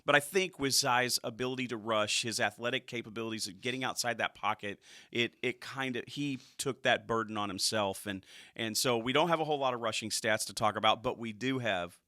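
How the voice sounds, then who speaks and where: A man co-hosting a casual football stats show, enthusiastic and quick to laugh, dropping quieter when he reflects. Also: medium pitch, no echo, studio quality. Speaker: co-host of a high school football stats show. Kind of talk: casual sports chat.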